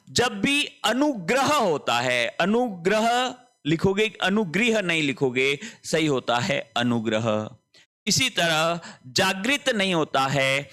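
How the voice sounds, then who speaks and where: A man teaching an online lesson, explaining slowly, repeating words and checking that students understand. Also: high voice, bright, forceful tone. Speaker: Hindi teacher. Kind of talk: online exam-prep lesson.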